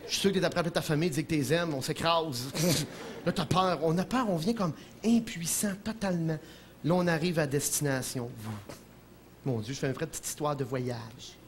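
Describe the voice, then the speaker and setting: A man with a Quebec French accent doing an animated stand-up comedy monologue in a television studio, breaking into impressions. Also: on the high side, normal speed, slight background noise. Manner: animated, jumps into shouted impressions, chuckles at own jokes.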